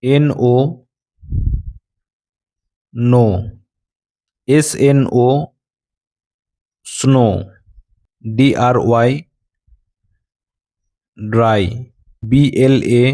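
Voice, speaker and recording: A man's voice: medium pitch, fairly even intonation, very slow, long pauses, warm tone. A man teaching a scripted phonics lesson, spelling out words letter by letter and giving their meanings.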